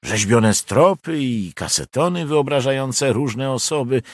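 A man reading a historical novel aloud as an expressive audiobook narrator. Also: mid-range voice, a little slow, no echo, clean studio sound. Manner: expressive storytelling.

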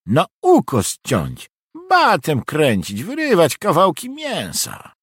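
Merciless Cossack, cruel and mocking, read by a man, husky and dry. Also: a little high, huge pitch swings, takes it slowly, fairly bright tone, no echo, voice pushed up, exaggerated voice.

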